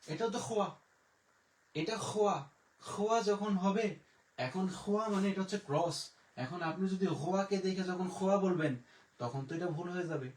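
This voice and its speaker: A man teaching a live French lesson, patiently explaining and repeating sounds slowly to demonstrate them. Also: a little high, distant mic, a little hiss or hum. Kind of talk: live online language lesson. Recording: echoey room, voice a bit off-mic.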